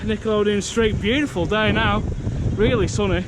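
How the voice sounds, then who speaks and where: A man's voice: high voice, normal speed, heavy background noise. A man of about forty, chatting in a rambling, casual walk-and-talk vlog outdoors. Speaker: theme park vlogger. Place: outdoors in a windy amusement park. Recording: outdoor amusement park with loud music.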